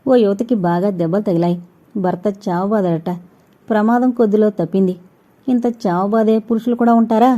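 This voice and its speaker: A woman narrates an audio novel in steady, even storytelling. Her voice is mellow and darkish. It stays at a middle pitch. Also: fairly quick, muffled recording.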